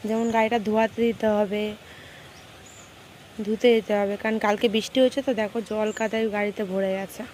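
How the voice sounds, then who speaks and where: A homemaker chats easily through her daily chores, keeping her voice low and hushed. Her pitch sits in a middling range, with no strain or drama. There is a faint hum of outdoor noise behind her. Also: little pitch movement, a little fast. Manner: talks softly in a hushed voice. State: hot and sweaty. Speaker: lifestyle vlogger and homemaker. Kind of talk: casual chatty vlog narration. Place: rented village home, indoors and outdoors.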